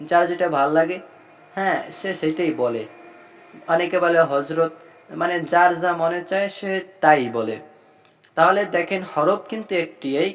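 A man teaching Quran reading, patiently drilling each letter and repeating points slowly. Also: on the high side, lo-fi sound.

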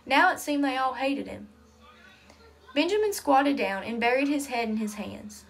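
A woman's voice: high-pitched, expressive, normal speed. A woman reading a children's story aloud to a youth group in an earnest storybook manner. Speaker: reader.

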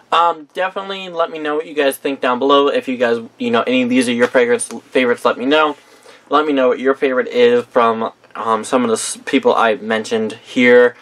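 A man's voice: medium pitch, a bit bright. A man reviewing perfumes in a casual vlog, chatty and enthusiastic with frequent ums, and he has the hiccups.

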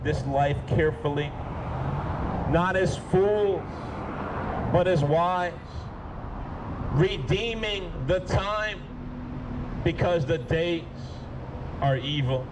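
A man preaching in the open air by a street, pleading and rebuking by turns, at times shouting and then dropping low. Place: outdoors by a street with passing traffic. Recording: outdoor street noise, traffic. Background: cars passing.

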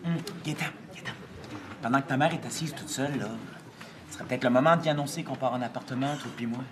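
An actor playing an insistent, coaxing partner with a Quebec French accent in a sitcom. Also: male voice, medium pitch, fast, background noise, natural voice.

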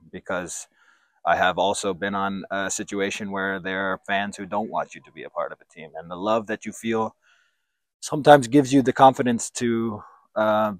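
A man in his thirties, a professional footballer, answering questions in an outdoor sit-down interview, measured and reflective, with a handheld mic. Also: sits low, no echo. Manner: measured, reflective, speaks in considered restarts. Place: outdoors by sports courts. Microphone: handheld branded mic.

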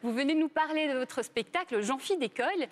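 A woman with a slightly high voice hosts a culture interview on a news channel. She reads smooth scripted introductions and then keeps the guest going with short, friendly prompts. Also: animated, a little fast.

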